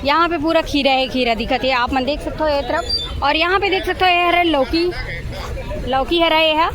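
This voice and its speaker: A woman's voice: high-pitched, moderate pace. A woman with a Chhattisgarhi accent giving vlog commentary, repeatedly pointing things out to her viewers as host. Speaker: vlog host touring a market. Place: outdoor wholesale vegetable market. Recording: busy outdoor market crowd, vehicle noise.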